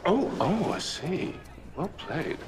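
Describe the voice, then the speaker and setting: A man's voice: on the high side, very animated, takes it slowly, noisy background. A man playing a sardonic, charming male devil who speaks with dry sarcasm, in a TV series clip. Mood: sly. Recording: loud music under the dialogue.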